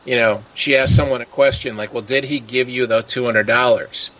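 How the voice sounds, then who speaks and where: A man's voice: medium pitch, steady tone, moderate pace, fairly bright tone. Guy on a podcast telling stories, does little voices for people, kinda muffled lo-fi sound. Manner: storytelling, acting out quoted people. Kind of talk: casual chat.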